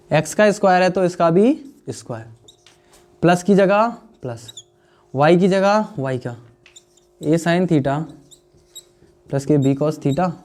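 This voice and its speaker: Chatty young man teaching maths, bright-pitched. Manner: chatty, addresses students as "dear friends", asks "understood or not?". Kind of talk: classroom lesson explaining solutions.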